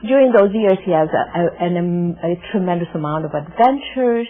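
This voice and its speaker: A woman's voice: fairly low pitch, animated, a little fast, slight background noise. Greek-accented woman lecturer, tinny sound. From Greece. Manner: earnest, explanatory, frequent "um" and "uh". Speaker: guest lecturer in classics. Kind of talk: TV studio interview. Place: TV studio set. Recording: tinny phone-like old TV audio.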